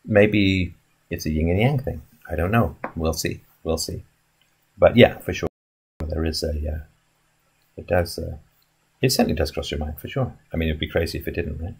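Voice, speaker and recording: A man's voice: rumbling low, moderate pace, pauses often, darkish tone, slightly rough. A man in his fifties talking casually on a live stream from an indoor room, musing and rambling with many fillers and restarts as he answers chat questions. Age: 50s. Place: indoor room in front of a wooden wall.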